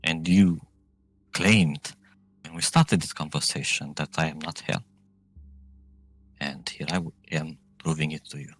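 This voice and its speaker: Man voicing a very deep, imperious underworld goddess. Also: steady tone, faint music behind. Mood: cold, disappointed. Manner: imperious, solemn, deliberate. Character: stern, commanding goddess of the underworld.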